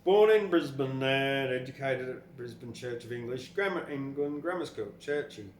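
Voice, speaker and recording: An older Australian man with a medium-pitched, expressive voice and moderate pace hosts a poetry podcast. His casual commentary and poetry readings come across as rambling, blunt and informal. The room echoes, and there's faint background noise.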